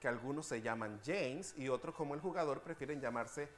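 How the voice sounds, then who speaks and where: On a television segment about language, a medium-pitched male host walks viewers through spelling rules with patience, easing his pace to spell each example aloud.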